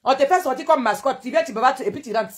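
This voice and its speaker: A woman's voice: high voice, animated, fast talker. A woman with an Ivorian French accent hosts a live stream, scolding indignantly and hammering the same rhetorical questions. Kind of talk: live-stream political rant.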